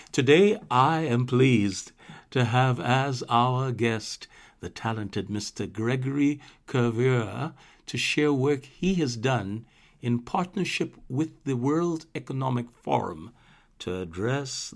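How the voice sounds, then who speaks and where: A man hosting a radio interview show who reads a formal introduction slowly and deliberately. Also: medium pitch. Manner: slow, deliberate, formal delivery.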